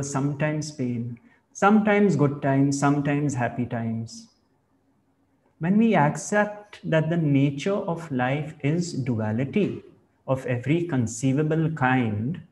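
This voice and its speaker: A man giving a reflective spiritual talk as a teacher, speaking in a measured, thoughtful way. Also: a little high, a little mellow.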